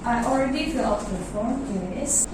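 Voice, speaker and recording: A woman's voice: a little high, expressive, fast, natural voice. A woman playing a cooperative mortgage customer in an amateur role-play, giving brief, agreeable replies. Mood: calm, agreeable. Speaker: bank customer. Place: echoey indoor room, far mic. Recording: echoey room, distant mic, noisy.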